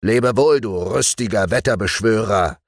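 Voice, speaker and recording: A man's voice: on the low side, moderate pace, no echo, clean studio sound, pitched above the performer's own voice. A man voicing a harsh, sneering ship captain in a told story. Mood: stern. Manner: stern, sneering. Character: stern harsh ship captain, grown man, cruel and mocking.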